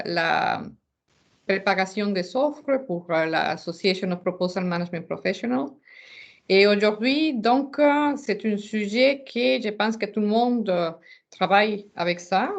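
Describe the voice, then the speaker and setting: A woman presenting a webinar, speaking hesitantly with frequent filler pauses. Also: medium pitch.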